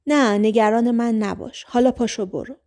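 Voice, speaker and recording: A woman voicing a caring, shy teenage boy who speaks softly and reassuringly in an audiobook. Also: fairly high pitch, steady tone, lightly acted.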